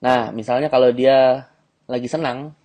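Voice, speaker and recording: This is an instructional audio lesson in which a man coaches on dating, speaking straight to the listener and often checking in with a quick "okay." His voice is medium-pitched, steady and darkish.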